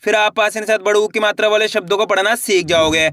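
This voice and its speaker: A man's voice: high voice, fairly even intonation, quick pace, sharp tone. A man teaching a reading lesson, patiently spelling words out syllable by syllable and then blending them, talking to viewers as friends.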